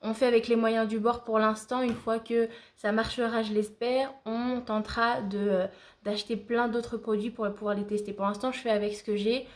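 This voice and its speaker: Woman vlogger walking viewers through a makeup look; easygoing, chatty, a little halting, voice on the higher side. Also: flat delivery. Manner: chatty, talks to viewers like friends; hesitant, frequent fillers. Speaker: beauty vlogger. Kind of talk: casual makeup tutorial.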